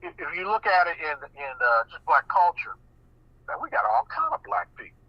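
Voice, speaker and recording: A man with an American accent talking casually on a radio show, animated and often repeating words as he restarts. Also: a little high, a little fast, gravelly, no room sound. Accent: American English. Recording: muffled radio broadcast.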